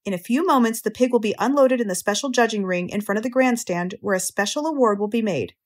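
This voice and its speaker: A pompous storybook fairground announcer, acted out by a woman reader, proclaiming grandly to all and sundry. The delivery is formal and grandiose, pitched somewhat high, every phrase presented as an official proclamation. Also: quick pace, close to an everyday voice. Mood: pompous, proud. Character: pompous fairground announcer booming over a loudspeaker.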